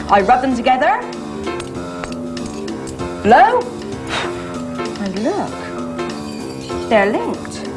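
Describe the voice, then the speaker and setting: A woman performing as a kids party magician, narrating each trick step by step with theatrical magic words. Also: fairly high pitch. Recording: music playing behind the voice.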